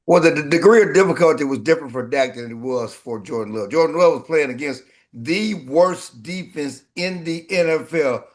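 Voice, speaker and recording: Higher-pitched man arguing about sports. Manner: animated, argumentative, emphatic repetition. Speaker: sports show host. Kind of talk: casual sports debate.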